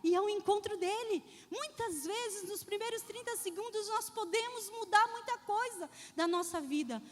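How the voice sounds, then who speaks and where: A woman pastor giving a lively sermon. She speaks straight to the congregation and acts out the voices in her stories. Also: very high voice, normal speed, a little hiss or hum. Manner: addresses the congregation directly. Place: church. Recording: long church hall reverb.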